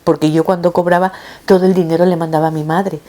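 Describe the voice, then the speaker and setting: A middle-aged woman, a mother, telling her viewers a painful personal story in an emotional, halting way, with frequent restarts. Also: lowish voice, flat delivery, dark tone. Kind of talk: personal testimony told to viewers.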